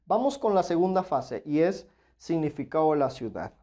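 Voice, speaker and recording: Earnest preacher man with a mellow voice. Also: fairly high pitch, big pitch swings, normal speed. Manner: earnest, addresses listeners as dear brothers; emphatic, repeats "claro de que sí". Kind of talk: Bible study sermon.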